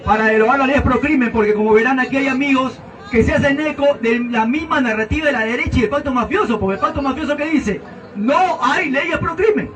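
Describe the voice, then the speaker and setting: A man's voice: very high voice, fast, a crowd in the background. A Peruvian man giving a fiery, mocking campaign debate speech as a senate candidate. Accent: Peruvian Spanish. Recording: distant outdoor recording.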